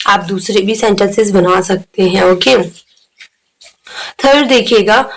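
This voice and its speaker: Slow, patient woman teacher. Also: mid-range voice, rough recording. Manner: slow, explains each word in Hindi. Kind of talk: exam revision lesson.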